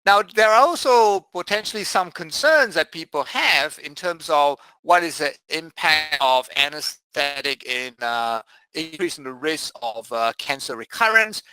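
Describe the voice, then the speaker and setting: Bright-voiced man giving a medical lecture. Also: on the high side, lively intonation, clean tone, no room sound, low-quality recording. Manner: measured, with frequent "uh" fillers. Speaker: anesthesiologist lecturer. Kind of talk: medical presentation.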